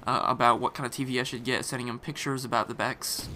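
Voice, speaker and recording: A fast-talking man with a mid-range voice and little pitch variation narrates a game, his throat sounding scratchy and irritated. The voice-over is casual and rambling, packed with fillers and restarts, and sits over loud gunfire and explosions.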